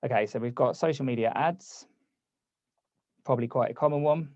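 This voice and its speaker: Hosting a live online workshop over a video call, a man speaks casually and conversationally, reading the chat aloud as his voice gives out. His medium-pitched voice is slightly fast and a bit mellow. The recording is dry, with the highs cut off.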